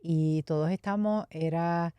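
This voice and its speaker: A middle-aged Puerto Rican woman speaks with a low, mellow voice and a Puerto Rican accent. She recounts her past candidly and reflectively, with a light laugh now and then. The sound is dry and close. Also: steady tone, unhurried, smooth, no room sound. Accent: Puerto Rican Spanish. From Puerto Rico. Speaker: interview guest. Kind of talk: personal testimony in conversation.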